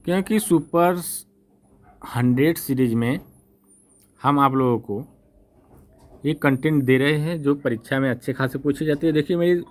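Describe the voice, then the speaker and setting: A male teacher with a slightly high voice gives an exam-prep lesson, explaining slowly and repeating himself. He often checks "right?" with the class, using frequent "ठीक ना?", and apologizes when correcting his own slips.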